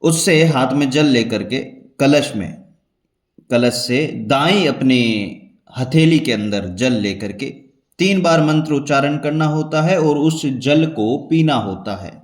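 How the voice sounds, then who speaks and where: A man guides listeners through a devotional ritual in a steady, measured way, repeating key points so nothing is missed. His voice sits at an ordinary middle pitch. The room around him rings with noticeable echo. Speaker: spiritual teacher. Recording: echoey room.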